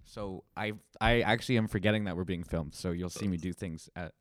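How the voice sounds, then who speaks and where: A man's voice: deep voice, brisk, dry recording, studio quality. A young man co-hosting a casual podcast from home, rambling and laughing often. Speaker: podcast co-host. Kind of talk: casual chat. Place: home bedroom.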